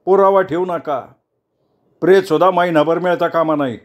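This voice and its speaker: A man's voice: on the high side, normal speed, pitched above the performer's own voice, close to an everyday voice. Brief: man playing a ruthless middle-aged politician boss in an audiobook, curt orders, cold menace. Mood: menacing.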